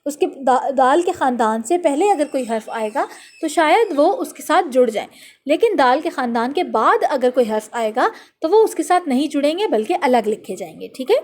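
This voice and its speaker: A woman teaching an Urdu phonics lesson to young children, sounding out letters and words slowly and clearly, with a Pakistani Urdu accent. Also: high voice, animated, a little mellow. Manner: slow, drawn-out letter-by-letter sounding out.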